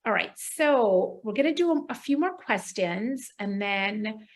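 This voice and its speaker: Heard through a video call, a woman gastroenterologist with a medium-pitched, unhurried voice responds to viewers on a livestream. She breaks down medical terms in a friendly, animated manner.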